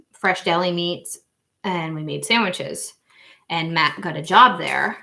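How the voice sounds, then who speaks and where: A woman's voice: lowish voice, creaky, sharp tone. Chatty laughing woman on a tarot livestream. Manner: rambling and chatty, with frequent laughs and fillers. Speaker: tarot reader and channel host. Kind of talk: casual livestream chat.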